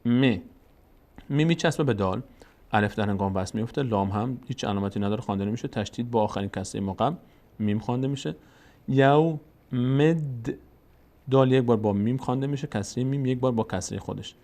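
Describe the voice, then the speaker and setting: A man teaching Quran reading, explaining each letter and vowel mark, then chanting the verses slowly to show the right sound. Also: fairly low pitch, a little mellow. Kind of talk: recitation lesson.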